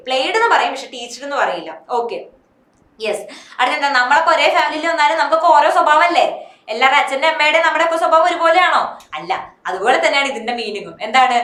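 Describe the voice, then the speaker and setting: A woman's voice: high-pitched, sharp tone, reverberant. A woman English teacher with a Malayali accent, teaching an online class and answering her own questions. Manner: asks questions and answers them herself.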